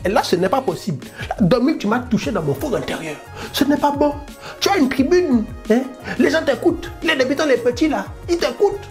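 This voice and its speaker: A man's voice: very high voice, quick pace, creaky, few pauses, soft background music, pitched above the performer's own voice. A man with a blocked nose putting on a mock-furious ranting voice with an exaggerated accent. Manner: exaggerated put-on accent, indignant shouting rant.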